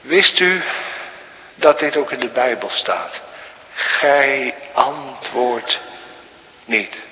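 A man preaching a sermon to a congregation, slow and emphatic, rising now and then to loud, high appeals. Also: animated, lo-fi sound, slight background noise. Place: church. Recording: hall reverb.

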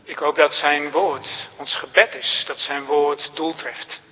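A man preaching a sermon in a church, in a slow, solemn style with emphatic rising phrases. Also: on the high side, little pitch movement. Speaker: pastor. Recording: lo-fi church recording with long reverb.

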